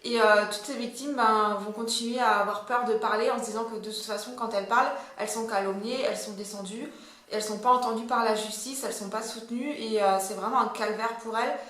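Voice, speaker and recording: A woman's voice: on the high side, fairly even intonation, fast talker, fairly bright tone. A woman with a French accent explaining a court case in a casual, hesitant way, with many fillers and self-corrections. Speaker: commentator. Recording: very echoey room.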